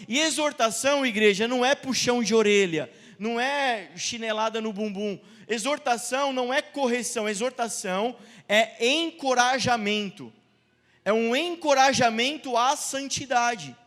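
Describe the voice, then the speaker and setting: A man's voice: very high voice, fairly bright tone. A Brazilian pastor with a Brazilian Portuguese accent, reading scripture aloud and then preaching to his church, asking his listeners questions as he goes. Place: church sanctuary. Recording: long reverb of a church hall.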